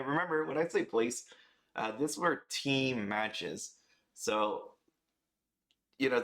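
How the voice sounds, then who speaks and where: A man's voice: mid-range voice, a bit bright. A man hosting a casual card game video, talking loosely with many fillers, tired after waking very early. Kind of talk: casual spoken price review.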